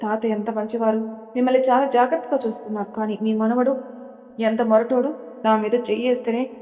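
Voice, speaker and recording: A woman's voice: a little high, flat delivery, fairly quick, mellow, faint music behind, lightly acted. A woman voicing a timid young bride in a storybook tale, who talks in a pleading, anxious way. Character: timid young bride, fearful of her husband. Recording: long hall reverb.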